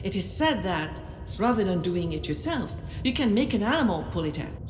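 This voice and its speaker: A woman narrating a medieval role-playing game in a measured storybook manner, sometimes dropping to a hush. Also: mid-range voice, sing-song. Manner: measured, with occasional hushed whispers. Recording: roomy echo, faint noise.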